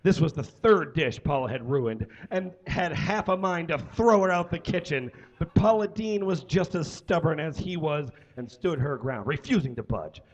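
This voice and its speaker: A man doing a comedic live reading on stage into a microphone, theatrical with loud bursts of emphasis. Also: fairly high pitch, expressive, moderate pace, hardly any pauses, lo-fi sound. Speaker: live show performer. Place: stage before a live audience.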